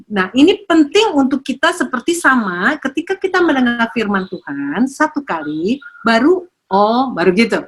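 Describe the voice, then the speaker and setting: Husky older woman giving a lively talk. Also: fairly high pitch. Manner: animated, teasing, asks audience questions. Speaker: parenting speaker.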